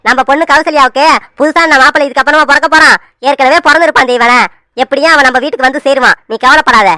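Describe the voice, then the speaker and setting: A soothing cartoon village father, voiced by a woman, speaks in a quick and bright tone. The voice sits high and the sound is close and dry. He talks gently and calmly, like someone reassuring his worried wife. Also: no room sound. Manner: calm, soothing, repeats the wife's name. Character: village father, middle-aged man, easygoing and reassuring. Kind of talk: Tamil cartoon serial voice acting.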